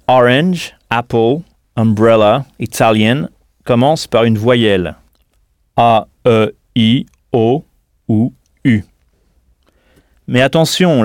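A man teaching a scripted audio language lesson, explaining clearly and patiently and pausing for answers. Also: medium pitch, dry recording, studio quality.

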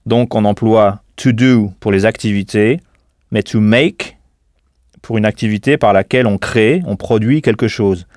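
A man teaching an English lesson in a scripted audio course, speaking in a measured way and spelling words out letter by letter. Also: fairly low pitch, a little mellow, dry recording, clean studio sound.

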